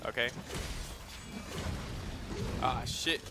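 A man's voice: mid-range voice, very slow. A young man giving casual gameplay commentary, rambling, swearing a lot and laughing often as he plays at home, with game music behind him. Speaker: gaming video host.

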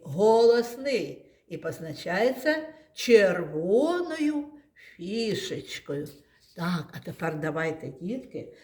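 A woman's voice: medium pitch, reverberant. A woman teaching a phonics lesson to small children, talking in a patient, sing-song way. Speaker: kindergarten teacher.

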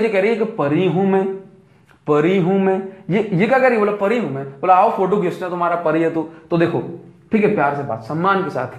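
A man's voice: high voice, roomy sound. A man teaching physics in a classroom lecture, asking questions and answering them himself.

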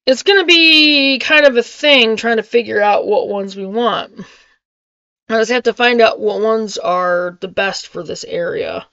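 Her voice high, unhurried, creaky and fairly bright, a middle-aged homesteading vlogger reads an article indoors in a small kitchen with a wood-panel ceiling. She drops in casual remarks and sometimes stumbles on difficult words, saying them again. The webcam audio is clean and lo-fi with no room sound.

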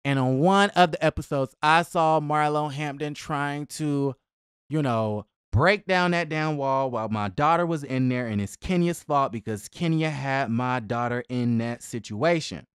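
Speaking close into a boom-arm podcast microphone in a small home room, this young adult man offers laid-back, conversational commentary on celebrity gossip. His pitch sits in the middle and his delivery is unhurried, with a clean tone and dry sound, yet he stays sassy, slangy and emphatic.

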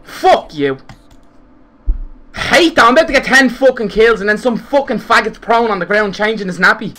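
A man's voice: sits high, animated, normal speed, bright, forceful tone. A young Irish man raging at a video game, ranting angrily and swearing heavily as he streams. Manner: raging gamer, angry foul-mouthed ranting. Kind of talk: game livestream commentary. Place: small room at home.

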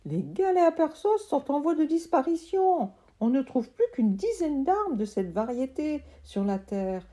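Storybook uncle, eccentric and excitable, high emphatic exclamations, mellow tone; read by a woman. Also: slow pace. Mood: excited. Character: excitable eccentric middle-aged uncle, a plant collector.

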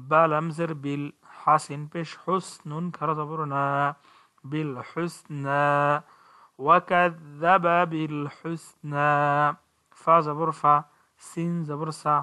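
Male recitation teacher, Bangladeshi Bengali accent, level flat delivery, slightly higher voice, spells out letters methodically. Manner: spells each letter and vowel, then recites the verse slowly. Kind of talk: slow spelled-out recitation lesson.

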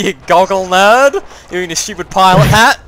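A man in casual, sweary gaming banter with friends, talking excitably. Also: high-pitched, normal speed. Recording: game gunfire and music behind voice. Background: video game gunfire, explosions, music.

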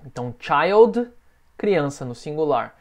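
Brazilian male English teacher for beginners, patient and repetitive, voice sits a bit high. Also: very animated, darkish tone. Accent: Brazilian Portuguese. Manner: patient, drills phrases with slow spoken models. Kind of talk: online English lesson for beginners.

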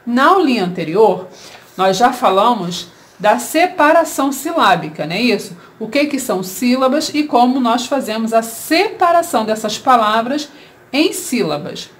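A woman with a Brazilian Portuguese accent teaching a children's grammar lesson, explaining slowly and asking rhetorical questions. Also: fairly high pitch, sing-song.

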